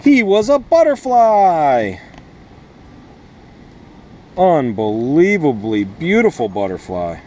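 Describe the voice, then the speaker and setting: A schoolteacher in his thirties speaks informally to children and parents from inside a small wooden greenhouse covered in plastic sheeting, reading aloud and explaining things step by step in simple words. His voice is fairly high and dark in tone, swooping wildly in pitch, with a slow pace, long pauses, and a little hiss or hum.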